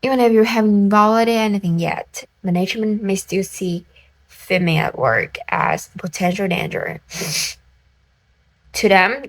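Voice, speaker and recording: Woman narrator, measured scripted read, average pitch. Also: poor audio.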